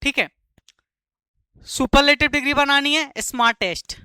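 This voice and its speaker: A man teaching a live grammar class, who keeps stopping to ask students quick check questions and repeats key words slowly. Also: extremely high pitch, bright, forceful tone, no room sound.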